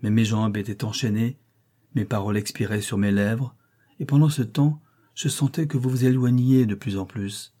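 A man voicing an anxious young woman governess in an audiobook reading of a classic novel, measured and solemn. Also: lowish voice, steady tone, mellow, lightly acted. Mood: troubled.

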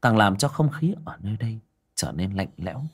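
A man's voice: on the low side, very animated, a little fast, slightly rough. A man narrating a village horror story in a dramatic, ominous way.

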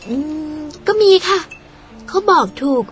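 A woman voicing a chatty, spirited young woman in an audio drama. She talks in a lively, polite, gossipy way and is quick to get indignant. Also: soft background music.

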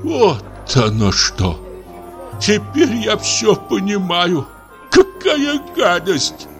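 A man's voice: wildly swooping pitch, very slow, soft background music, heavily acted. A man voicing a deaf, pompous old sea captain. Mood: outraged. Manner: booming sea commands, mishears everything. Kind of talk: audiobook play reading.

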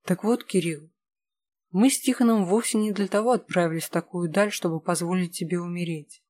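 A narrator voicing a kind old man, a healer who talks quietly and soothingly. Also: medium pitch, steady tone, brisk, natural voice. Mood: gentle. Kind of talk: audiobook character voice.

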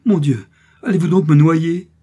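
A man's voice: normal speed, a little mellow, husky. A man voicing a desperate, vengeful young noblewoman who pleads and cries out for her life in an audiobook. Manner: shrill, pleading outcries.

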